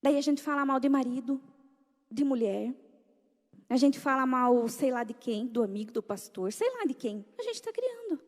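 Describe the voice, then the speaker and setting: High, mellow-voiced woman preaching in a hall. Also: moderate pace. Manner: animated, rhetorical questions to the audience. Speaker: speaker at a church gathering.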